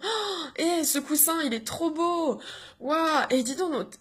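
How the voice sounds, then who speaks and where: A woman doing an amazed little child, high and squealy. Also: expressive, slow. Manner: squealing with delight at everything. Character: wide-eyed, gushing young child.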